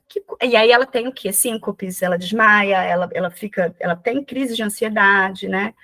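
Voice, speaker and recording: High, gravelly woman lecturing with animated flair. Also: no echo. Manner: animated, conversational, often asks the group for agreement. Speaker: psychoanalyst and lecturer. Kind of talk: lecture in an online discussion forum.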